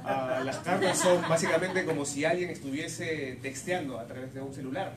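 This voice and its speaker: A man with a fairly high voice interprets a sermon live, phrase by phrase, at a moderate pace. He is a little hesitant and rephrases as he goes, and the room is echoey with clear background noise.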